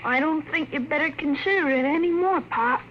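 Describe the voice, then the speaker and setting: A woman's voice: high-pitched, moderate pace, lightly acted. A woman voicing a spoiled, willful young boy who talks in a sulky, insistent way, in 1950s radio drama acting. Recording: muffled hissy 1950s radio broadcast.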